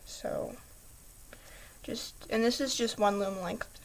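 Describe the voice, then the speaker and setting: A woman's voice: on the high side, slow pace, a little hiss or hum. A woman patiently talking through a step-by-step craft tutorial, chatty, with small slips, apologies and a slightly throaty voice.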